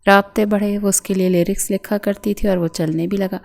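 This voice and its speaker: Mellow-voiced woman reading a romance novel. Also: mid-range voice, steady tone, gravelly. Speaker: novel narrator. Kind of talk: scripted narration.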